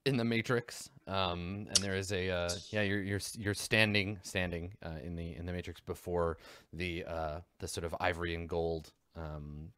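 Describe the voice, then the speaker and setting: A man's voice: sits low, fairly even intonation, normal speed, fairly bright tone, clean tone. A man narrating as game master of a tabletop role-playing game, rambling with many fillers and restarts.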